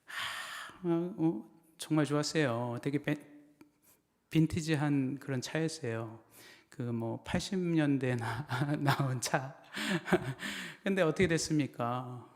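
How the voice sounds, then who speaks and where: Male pastor, middle-aged, fervent sermon, slightly high voice, long church-hall reverb. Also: slow pace. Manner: storytelling, rising to fervent preaching. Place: church sanctuary.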